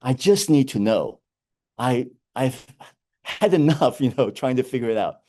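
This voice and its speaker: A man's voice: medium pitch, expressive, a little slow, mellow. A man voicing a frustrated young disciple who begs his master for an answer. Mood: pleading. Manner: pleading, exasperated.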